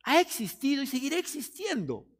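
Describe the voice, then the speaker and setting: A male pastor preaching a sermon, often acting out doubters and busy churchgoers in quick quoted asides. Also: extremely high pitch, huge pitch swings. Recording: long reverb of a church hall.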